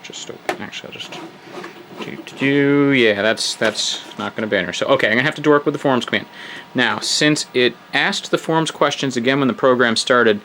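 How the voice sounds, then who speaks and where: Speaking a little fast in a mid-range voice with a bright, forceful tone, a retro computer hobbyist talks his way through an old program, reading prompts and adding wry asides. The low-quality recording carries a little hiss or hum.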